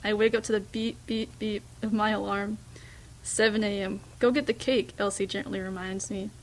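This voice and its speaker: A woman reading a first-person story aloud, in a hushed, reflective way with small slips and restarts. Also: medium pitch, monotone, moderate pace, a little hiss or hum, rough recording. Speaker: reader.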